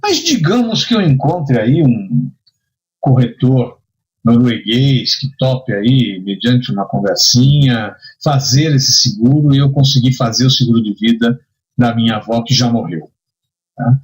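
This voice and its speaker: Speaking with a Brazilian accent, this male instructor in insurance and risk management gives a chatty lecture illustrated with hypothetical cases. His mid-range voice is animated and a little slow, captured in a rough recording. He leans on rhetorical questions and frequent check-ins to teach.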